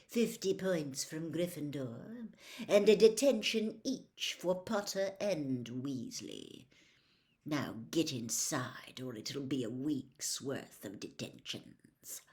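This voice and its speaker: Storybook villain casting: cold male schoolmaster, played by a woman, hushed silky delivery, slow and menacing. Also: sits low, exaggerated voice. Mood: silky menace. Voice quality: soft, silky. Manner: slow, deliberate, coldly calm. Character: cold, menacing adult male potions teacher, silky and sneering.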